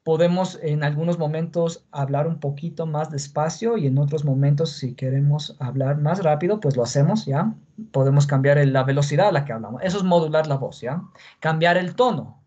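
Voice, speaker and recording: A man's voice: fairly high pitch, brisk, mellow, highs cut off. A male teacher explaining a lesson patiently and often checking in with the class.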